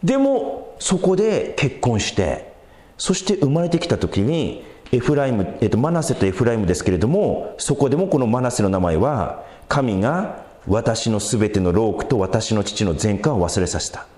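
A man preaching a sermon as a pastor, in an animated, conversational way with big swings in pitch. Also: normal speed, reverberant.

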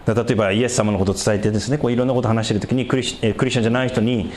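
A man preaching a sermon in an animated way, with chuckles along the way. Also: very fast, a little hiss or hum. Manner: animated preaching with big pitch swings and light laughter. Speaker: pastor.

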